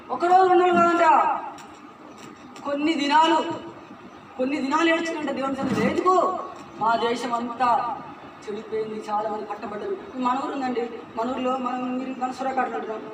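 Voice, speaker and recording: A pastor preaches to his congregation, pressing them with rhetorical questions and repeated phrases. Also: very high voice. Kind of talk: Telugu church sermon. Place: church hall with congregation. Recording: roomy, distant, noisy church recording.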